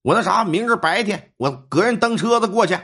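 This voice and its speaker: A man voicing an old grandfather giving caring, hurried advice. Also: high-pitched, animated, a bit bright, slightly rough, pitched above the performer's own voice, full character voice. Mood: concerned. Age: older. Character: old paternal grandfather, concerned, practical.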